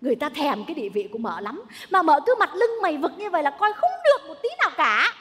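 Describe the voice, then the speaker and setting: Domineering old mother-in-law, very high and bright, stage reverb; loud and theatrical. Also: very animated, fast talker. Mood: lecturing. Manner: shrill, theatrical scolding and wailing. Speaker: stage comedy actress. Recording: stage recording with long hall reverb.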